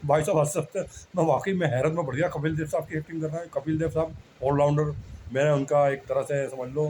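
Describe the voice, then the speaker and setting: In a rough recording with a bit of hiss or hum, a man with a fairly high, darkish voice speaks as a religious figure. His monologue is loose and meandering, self-deprecating and repetitive, and he addresses the listener again and again as "bhai sahab."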